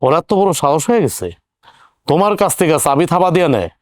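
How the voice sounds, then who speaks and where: A man's voice: a little high, very animated, quick pace, no room sound. An actor playing an argumentative young man who questions his family indignantly, speaking. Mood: arguing. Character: earning younger son, hot-headed and argumentative. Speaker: younger brother-in-law. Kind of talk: TV drama acting.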